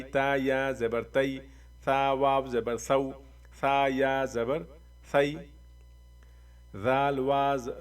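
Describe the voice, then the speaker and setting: A man teaching Quran reading, spelling out letters and vowel marks slowly and drawing them out, with quick explanations in between. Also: mid-range voice, far from the mic. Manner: slow drawn-out recitation of letters, quick asides. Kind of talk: spelling out syllables in a lesson.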